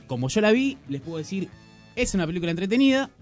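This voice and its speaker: An Argentine man reviewing new films on a radio show, relaxed and full of hesitant fillers. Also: high-pitched, quick pace, faint music behind. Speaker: film critic on a radio show.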